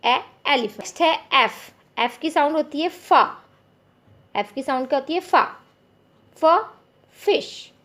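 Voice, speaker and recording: A woman with an Indian accent teaching phonics to parents, repeating each letter sound slowly and clearly. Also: high voice.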